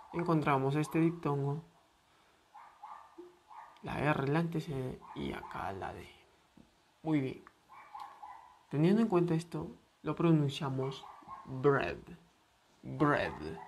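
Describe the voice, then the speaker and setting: A man giving a pronunciation lesson at an unhurried, deliberate pace. He repeats each word patiently for his students to practice. A faint hiss of noise sits under his voice. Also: a little high. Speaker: English teacher.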